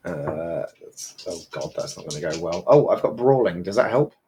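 A man's voice: deep voice, expressive, normal speed, background noise. A man chatting casually as a player in a tabletop role-playing game.

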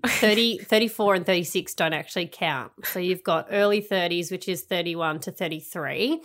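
A woman's voice: fairly low pitch, moderate pace, fairly bright tone. A woman, co-hosting a casual chat, rambling through stories and laughing often. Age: 30s. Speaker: podcast co-host.

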